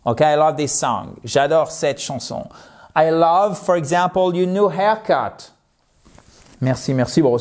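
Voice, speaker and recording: Male English tutor, deliberate slow delivery, joking asides, repeats words for learners. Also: fairly high pitch, a little mellow. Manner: playful, jokey asides, repeats words slowly. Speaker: English teacher. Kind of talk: online language lesson.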